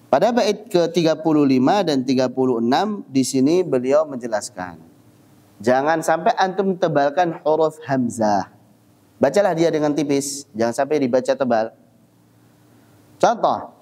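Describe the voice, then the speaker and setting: A man teaching Quran recitation rules, drawing sounds out slowly to demonstrate and then explaining briskly. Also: mid-range voice, warm tone. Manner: chants verse lines in a measured recitation. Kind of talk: tajwid lesson with slow demonstrations.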